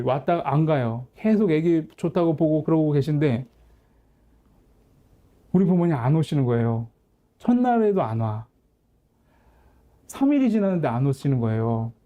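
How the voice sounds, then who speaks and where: Candid Korean pastor telling a family story. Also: male voice, fairly high pitch, dull audio. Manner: candid, conversational storytelling with quoted dialogue. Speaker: pastor and counselor. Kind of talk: storytelling sermon.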